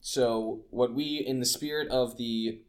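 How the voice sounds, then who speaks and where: A man's voice: mid-range voice, fairly even intonation, measured pace, a crowd in the background. A young man co-hosting a podcast, chatting casually and often trailing off mid-sentence. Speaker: podcast co-host. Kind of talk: casual chat.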